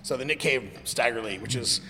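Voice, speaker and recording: A man with a slightly gravelly smoker's rasp chatting casually and informally about music. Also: mid-range voice, brisk, bright, forceful tone. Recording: reverberant room with background noise.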